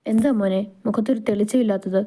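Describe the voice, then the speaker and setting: A gentle, fatherly uncle in a storybook romance, calm and mellow as he comforts his nephew, as a woman narrator reads him. The voice stays near her own everyday tone. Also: medium pitch, fast, lightly acted. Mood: reassuring. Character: middle-aged uncle, kind and reassuring.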